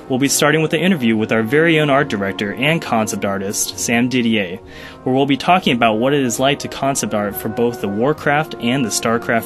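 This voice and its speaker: A man hosting a podcast, introducing the episode and interviewing a guest in a casual way. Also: mid-range voice. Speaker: podcast host and community manager.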